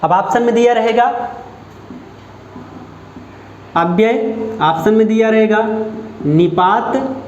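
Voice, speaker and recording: Slow, high-voiced Hindi grammar teacher. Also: male voice, lo-fi sound. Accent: Hindi, from Uttar Pradesh. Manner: slow and deliberate, repeating phrases and checking understanding. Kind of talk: classroom lesson. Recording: echoey room with faint background noise.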